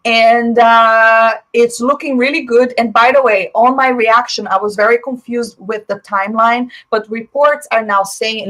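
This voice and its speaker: On a low-quality recording, a fairly high-pitched, slightly bright female voice comes from a casual live stream. The host, a Portuguese-speaking woman from Brazil, chats away opinionatedly, responds to viewer comments, and leans heavily on fillers.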